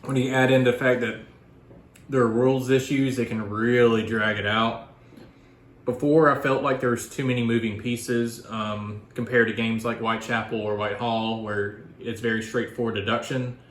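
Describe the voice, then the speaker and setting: A man talks through a board game review as a guest, in casual conversational speech. He explains things in a loose, rambling way at a middle pitch. The room around him is clearly echoey. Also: little pitch movement, normal speed, slight background noise.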